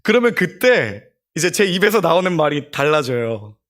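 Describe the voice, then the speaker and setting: Male preacher, young, slightly high voice, very lively pitch, expressive sermon delivery. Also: normal speed. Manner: expressive preaching, acts out prayers and quotes. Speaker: junior pastor.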